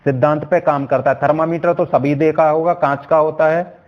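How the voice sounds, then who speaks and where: A male science teacher gives an exam-prep lecture in a fairly high voice. He keeps quizzing the class and repeats every answer over and over. The recording sounds dull and lo-fi. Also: steady tone, a little fast.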